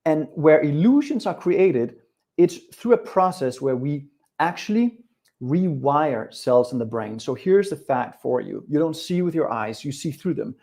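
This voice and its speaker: Speaking a little slowly in a fairly high, mellow and expressive voice, a middle-aged man from Denmark coaches through a live webinar. He has a Danish accent and stays upbeat and direct, addressing viewers and their chat.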